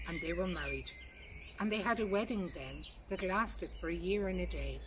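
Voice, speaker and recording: Birdsong and ambient noise fill this noisy recording of an Irish woman reading a traditional folk tale on a distant mic. Her lowish voice keeps the telling plain-spoken and colloquial.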